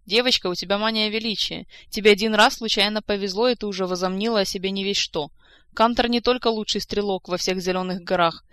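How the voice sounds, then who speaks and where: A woman reading aloud, voicing a stern male army colonel who barks loud commands. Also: medium pitch, dry recording, natural voice. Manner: barking commands.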